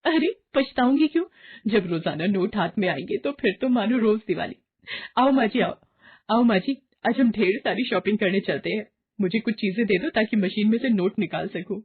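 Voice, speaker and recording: A woman plays a greedy, boastful young housewife in a moral tale, sounding excited, insistent, and full of bragging. Her pitch is medium, her speed normal, and her voice has a breathy edge. The recording sounds muffled.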